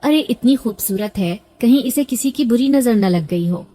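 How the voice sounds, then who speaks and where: A woman's voice: fairly high pitch, animated, warm tone, faint music behind, lightly acted. A woman voicing a doting older aunt and mother-in-law who fusses fondly in a storybook reading.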